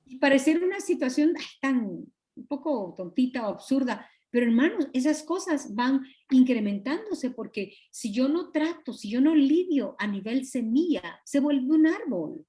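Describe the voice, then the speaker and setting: A woman, a pastor's wife, teaching a Bible study over a video call with a Guatemalan Spanish accent, earnest and confiding, often clearing her throat. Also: high-pitched, very animated, moderate pace, dark tone. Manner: earnest, confiding, acts out quoted dialogue.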